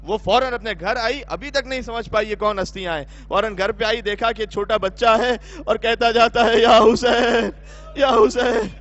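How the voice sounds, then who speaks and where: A man with a Pakistani Urdu accent preaches a Muharram sermon, his voice pitched very high and worked up to tearful cries. The recording is dull and lo-fi. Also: few pauses, fairly bright tone. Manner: impassioned, weeping and crying out.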